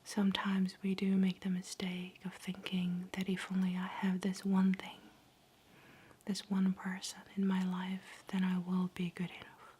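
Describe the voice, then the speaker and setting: A woman giving a whispered ASMR pep talk in a soft, breathy whisper, soothing, gentle and encouraging. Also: medium pitch, completely flat delivery, measured pace, slight background noise. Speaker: ASMR host.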